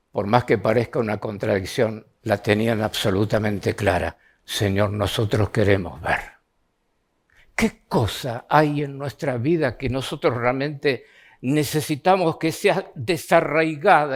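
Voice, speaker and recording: A man's voice: lowish voice, breathy edge. Earnest Argentine preacher man. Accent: Argentine Spanish. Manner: earnest, reads scripture aloud with rising pleading tone. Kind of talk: sermon. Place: church.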